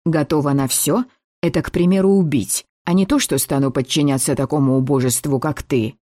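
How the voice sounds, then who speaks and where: A reader voicing a fierce, defiant young woman whose voice is hoarse from shouting, in an audiobook. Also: mid-range voice, steady tone, a little fast, no room sound, clean studio sound, natural voice. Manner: defiant, snapping retorts.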